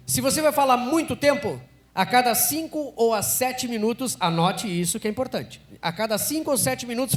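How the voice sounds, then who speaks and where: A Brazilian man teaching public speaking live to an event audience, energetic, constantly quizzing the room. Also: very high voice.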